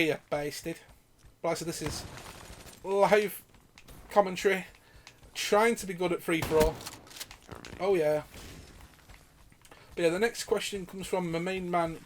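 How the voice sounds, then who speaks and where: A man's voice: sits high, slight background noise. A man hosting his gaming channel, casually answering viewer questions while giving live gameplay commentary. He rambles, swears freely and laughs often.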